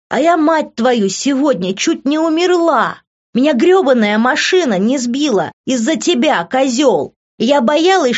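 A woman voicing a furious, heartbroken young woman who shouts high and strained. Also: lo-fi sound.

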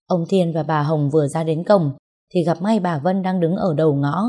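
A woman narrating a spoken story in a calm, even reading. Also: deep voice, normal speed.

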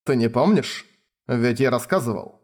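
A man voicing a young male king who speaks quietly and with assurance. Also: mid-range voice, lively intonation, moderate pace, lightly acted. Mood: calm.

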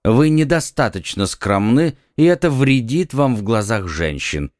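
A man voicing a composed, scholarly young musketeer in an audiobook, speaking calmly and evenly. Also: mid-range voice, measured pace, no room sound, studio quality, natural voice.

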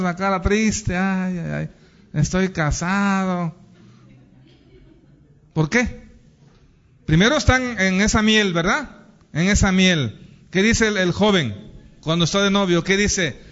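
A high-voiced man leading a sermon, teasing couples and throwing questions at the crowd. The recording sounds dull and low-fidelity. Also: a bit bright. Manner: teasing, playful, asks the congregation questions. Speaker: preacher. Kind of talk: lively sermon with audience questions.

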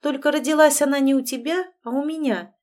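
A woman reading an audiobook, voicing a young mother who speaks calmly and firmly. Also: high-pitched, fairly quick, voice pushed up, lightly acted. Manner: calm, steady, resolute.

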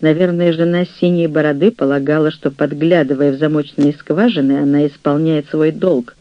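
A man reading an audiobook, voicing an earnest, proud young gentleman who speaks with indignation. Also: a little high, fairly even intonation, normal speed, no echo, muffled recording, lightly acted. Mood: indignant.

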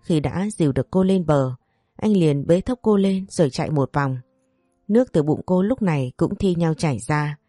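A woman tells a story in a steady, expressive way, her low, mellow voice sitting close and dry. Soft music plays faintly underneath. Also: moderate pace, dry recording. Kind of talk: scripted story narration.

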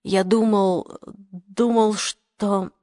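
A woman reading the part of an ailing older father who pleads and evades, in a lowered, subdued audiobook voice. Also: moderate pace, dry recording, studio quality, natural voice. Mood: hesitant. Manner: hesitant, pleading.

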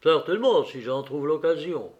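A man voicing a reserved middle-aged gentleman who answers coolly and briefly in a read novel. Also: on the high side, lively intonation, moderate pace, lo-fi sound, lightly acted. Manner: curt, cool.

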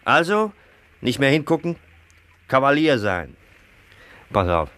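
A man's voice: mid-range voice, very animated, slow, pushed and bright, exaggerated voice. A cocky, taunting young man. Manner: taunting, mocking. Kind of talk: 1960s radio play acting.

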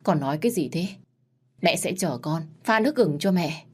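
A woman's voice: fairly low pitch, expressive, normal speed, husky. A woman voicing a grieving royal mother in a read-aloud story, wailing in anguish.

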